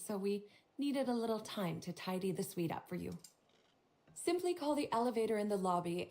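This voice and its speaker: Game NPC: a woman playing a polite but catty hotel clerk, formal phrasing, slightly low voice. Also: a little mellow, natural voice. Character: prim gossipy female hotel desk clerk. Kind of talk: video game voice acting.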